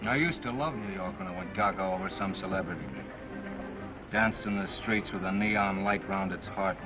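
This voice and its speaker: Jaded cynical city man, played by an actor, lowish voice, old film dialogue, muffled sound. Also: normal speed, natural voice. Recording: dull 1930s film soundtrack, loud music behind.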